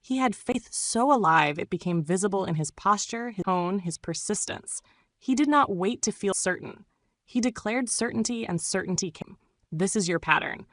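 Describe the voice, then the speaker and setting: A woman reading a self-help audiobook in a scripted narration, delivering emphatic, commanding declarations in short, measured phrases. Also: mid-range voice, animated, fairly bright tone, no room sound.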